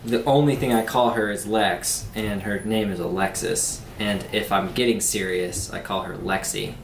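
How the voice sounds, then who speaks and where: A man's voice: lowish voice, steady tone, normal speed, gravelly. A man in his twenties from Pennsylvania, chatting casually and telling stories in a matter-of-fact way on a home vlog. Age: 20s. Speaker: vlogger. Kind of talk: casual chat. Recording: roomy home video with faint noise.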